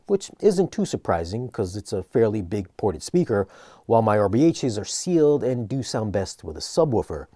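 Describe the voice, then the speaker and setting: A man narrating an equipment review in a conversational but scripted, measured, explanatory way. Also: on the low side, dark tone, dry recording, clean studio sound.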